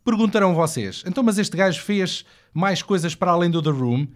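A man's voice: high voice, animated. A man hosting an interview in a playful, teasing way. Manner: playful, teasing, quick bursts. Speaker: podcast host.

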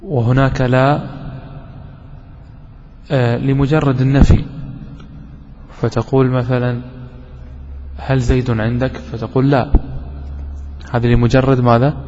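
A man's voice: mid-range voice, level tone, measured pace, pauses often, mellow. A man, a sheikh, explaining a grammar lesson, asking questions and answering them himself and repeating key words. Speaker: sheikh teaching Arabic grammar. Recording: dull lo-fi recording with long hall reverb.

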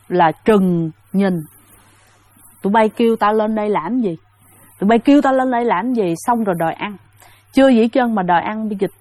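A woman's voice: a little high, no echo. A woman telling a ghost story in a chatty way, speaking straight to her listeners with many fillers. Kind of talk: casual spoken ghost story.

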